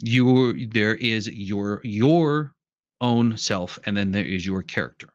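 Man, talky podcast guest, animated storyteller, muffled dry audio. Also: lowish voice, slow, dry recording. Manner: animated storyteller who acts out quotes. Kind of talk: casual conversation.

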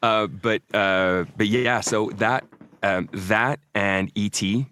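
A man's voice: fairly low pitch, fairly even intonation, slow, bright, forceful tone, slight background noise. A man in his forties from Norway, an actor guest chatting casually and telling self-mocking stories in an interview. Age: 40s.

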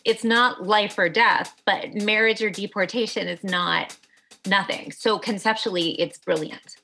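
A woman journalist being interviewed, telling a story in an animated, vivid way. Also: mid-range voice, a little slow, vocal fry, soft background music. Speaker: journalist guest. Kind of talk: interview recounting.

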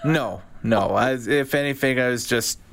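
A man's voice: mid-range voice, measured pace, gravelly, a bit bright. A man, a studio operator chatting casually on the radio. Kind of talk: casual on-air banter.

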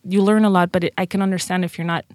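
This podcast guest, a company co-founder from the Netherlands in her thirties, speaks very fast in a lowish, steady, slightly mellow voice with a Dutch accent. The studio sound is clean with no room sound as she answers questions informally and tells stories.

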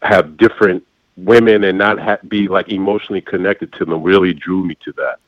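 A man in his forties telling his story as an interview guest, halting with many fillers and restarts. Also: low voice, fairly even intonation, no room sound, dull audio. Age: 40s. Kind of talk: candid conversational storytelling.

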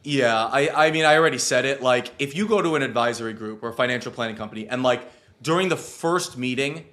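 A man's voice: medium pitch, quick pace, fairly bright tone. A man speaking as an advisor, explaining things casually and emphatically. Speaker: financial advisor guest.

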